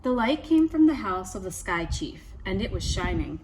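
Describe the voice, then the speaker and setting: A woman with a mid-pitched voice tells a trickster tale from a picture book. She reads it as a storyteller to young listeners, pausing to ask questions and wonder aloud. A faint ambient noise sits behind her voice. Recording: steady background ambient noise.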